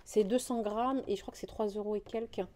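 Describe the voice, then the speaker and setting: Young woman rambling casually in a vlog, warm mellow voice, bit of hiss. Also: mid-range voice, fairly even intonation. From France. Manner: chatty, rambling, quick to get indignant. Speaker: vlogger. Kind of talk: casual grocery haul vlog.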